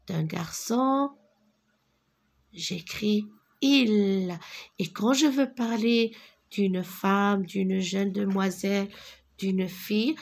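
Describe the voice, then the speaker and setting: A woman teaching a reading lesson for young children, speaking slowly and deliberately, repeating words and sounding out syllables. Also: mid-range voice. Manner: drops to a whisper on single words.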